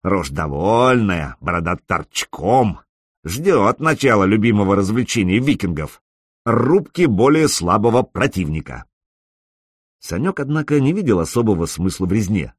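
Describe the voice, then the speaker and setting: Husky male audiobook narrator, lively delivery. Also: moderate pace, dry recording, clean studio sound. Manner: lively, raises pitch and volume for character lines. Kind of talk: scripted narration with acted dialogue.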